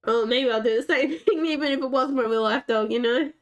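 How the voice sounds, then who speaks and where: Her high-pitched, naturally scratchy voice moves fairly quickly as she streams a game, chattering away to herself and the dogs in it. The commentary is casual and meandering.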